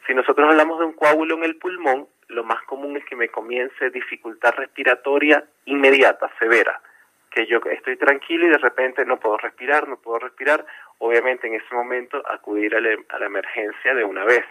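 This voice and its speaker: A man with a bright, forward voice, speaking as a doctor on a radio interview. He explains things patiently and goes back over his points to make them plain. The sound comes through a radio broadcast. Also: medium pitch, fairly quick, poor audio. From not from Chile. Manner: patient, explanatory, repeats himself to be clear. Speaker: medical doctor guest.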